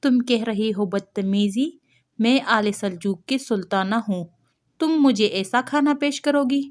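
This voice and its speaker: A woman's voice: a little high, natural voice. A woman voicing a proud, haughty young sultana in a scolding, imperious tone.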